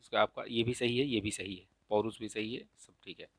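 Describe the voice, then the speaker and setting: A man teaching an exam-prep lesson in a casual, explanatory way, often checking in with "ठीक है?" and slowly repeating correct spellings. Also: lowish voice, steady tone, a bit bright, no room sound. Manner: frequent checks of "ठीक है?" and filler "अ"; repeats the right spellings slowly to stress them. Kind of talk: casual explanatory lesson, walking through a paper.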